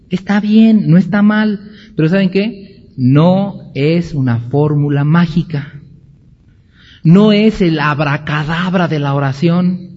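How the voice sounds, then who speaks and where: A man's voice: on the high side, dark tone. A man teaching a Bible class, emphatic and full of rhetorical questions. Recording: dull recording with long hall reverb.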